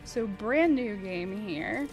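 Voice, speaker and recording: A woman's voice: mid-range voice, expressive, soft background music. A woman hosting a live game stream. She is easygoing and laughs often while she plays and explains. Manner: giggly, easygoing, unhurried. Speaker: stream host.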